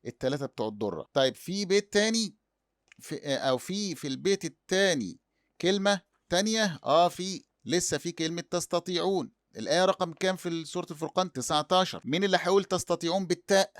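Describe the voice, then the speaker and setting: A man's voice: high voice, expressive, quick pace, no echo, clean studio sound. A man with an Egyptian accent teaching a lesson, asking and answering his own questions. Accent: Egyptian Arabic. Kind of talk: explanatory lesson.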